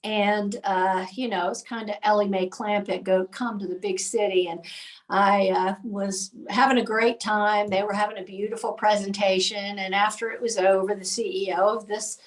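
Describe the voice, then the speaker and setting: A woman, a nonprofit founder, telling lively anecdotes in casual conversation with many filler ums. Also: mid-range voice, normal speed, recorded from a distance, poor audio. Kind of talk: conversational storytelling.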